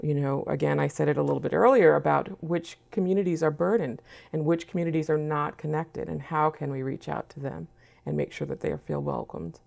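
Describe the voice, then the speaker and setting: A woman social services official in a studio panel conversation, explaining in a measured way and repeating key points. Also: deep voice, steady tone, vocal fry, a little mellow. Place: small TV studio.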